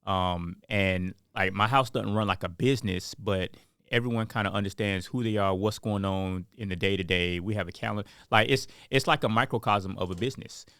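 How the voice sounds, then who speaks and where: A man's voice: on the low side, a little fast, fairly bright tone, smooth, no room sound, studio quality. A man co-hosting a podcast in casual chat, rambling and filling his talk with "like" and "um". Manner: rambling, heavy on fillers like "like" and "um". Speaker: podcast co-host.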